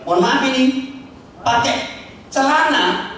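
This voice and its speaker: A man's voice: extremely high pitch, lively intonation, unhurried, sharp tone. A man giving a humorous motivational talk to a seminar audience, joking and slipping into acted voices, in a large event hall. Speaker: speaker entertaining a seminar audience. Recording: echoey hall from far off.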